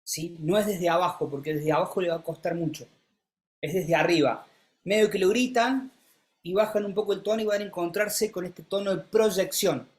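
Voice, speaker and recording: A speaking coach, teaching a live masterclass and calling on students by name, who keeps changing pitch and pace to show what is meant. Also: normal speed. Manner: demonstrative, shifts pitch and pace to illustrate; coaxing, calls on students by name.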